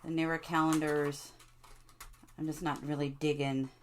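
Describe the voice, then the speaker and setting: A woman's voice: low voice, little pitch movement, moderate pace, a little hiss or hum. A middle-aged woman hosting a casual crafting tutorial, chatting to her viewers and asking them questions as she works. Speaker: craft video host.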